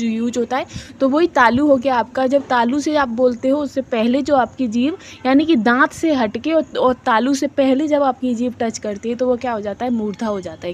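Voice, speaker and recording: A woman's voice: a little high, steady tone, normal speed, darkish tone, slight background noise. A woman teacher giving an exam-prep lesson, asking her own questions and answering them, repeating syllables aloud to demonstrate sounds and mixing English words into her talk. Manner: mixes English words into Hindi.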